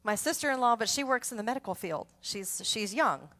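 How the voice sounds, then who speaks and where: A woman's voice: on the high side, lively intonation, brisk, fairly bright tone. A woman, chatting in a rambling way between polka songs as the host of a music show. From Texas. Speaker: polka band musician hosting an online show. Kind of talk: casual chat between songs.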